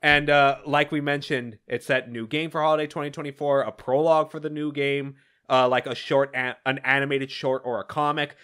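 A man's voice: medium pitch, flat delivery, a little fast, fairly bright tone, clean tone. A young man co-hosting a casual news and reaction show from home on a video call. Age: young adult. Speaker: co-host.

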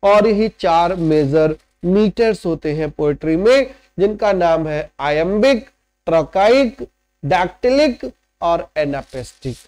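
Slow, lively-pitched male teacher. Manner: repeats each point and keeps checking understanding with "right?"; mixes in slow, word-by-word English definitions. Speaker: literature teacher. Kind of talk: online lecture explaining poetic meter.

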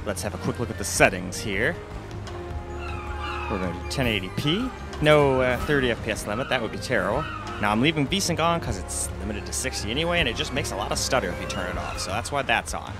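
A man's voice: mid-range voice, animated, fast. A man hosting a gaming channel, giving casual, rambling gameplay commentary in a laid-back, chatty way. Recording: game music behind the voice.

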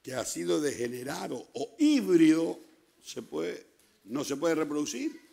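A Chilean man preaching a sermon as pastor, emphatic, often repeating words and punctuating them with "amén", building up to shouts. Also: fairly high pitch, sing-song, a little slow, gravelly.

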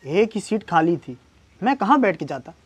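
Very animated and high-pitched, a man speaks at normal speed while acting in a scripted comedy sketch. As the husband, he exchanges sarcastic, dry remarks with his wife that build into exasperated tirades.

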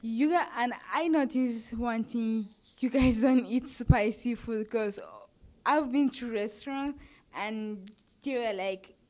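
Teen exchange student girl from Nigeria, unhurried and chatty, laughs through answers. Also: on the high side, darkish tone. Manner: chatty, laughs while talking. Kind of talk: casual interview answers.

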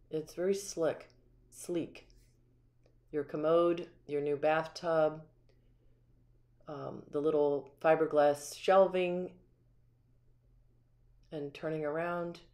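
American lady filming a home tour, low mellow voice, upbeat, listing stuff room by room. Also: fairly even intonation, slow, long pauses. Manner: upbeat, lists features one by one. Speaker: community home tour guide. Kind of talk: walkthrough home tour narration. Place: empty small mobile home, indoors.

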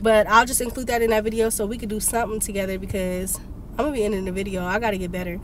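A young woman vlogger, sick and congested, vents and tells a story animatedly from a parked car, filming on a phone propped on the dashboard. Her mid-range voice holds a fairly even intonation and moves very fast. It's a casual vlog rant with a little hiss or hum in the audio.

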